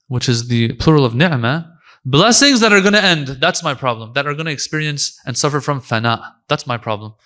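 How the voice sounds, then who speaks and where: A man's voice: fairly high pitch, fairly bright tone. A middle-aged man gives a religious lecture at a conference. His delivery is loose and conversational, full of jokes and slangy asides. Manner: informal, joking, slangy asides. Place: lecture hall.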